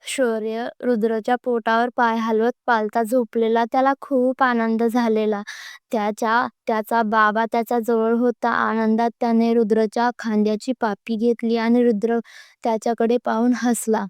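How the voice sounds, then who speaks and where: A woman reads a story aloud in a plain, steady way, now and then stopping to restart a word. Her voice is clear and slightly high with little melody. The recording is close and dry. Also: moderate pace, dry recording. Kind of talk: storybook narration.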